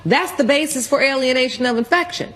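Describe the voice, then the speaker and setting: A woman's voice: sits high, brisk, fairly bright tone. A woman presiding as a TV court judge, questioning and ruling in a blunt, scolding, commanding way.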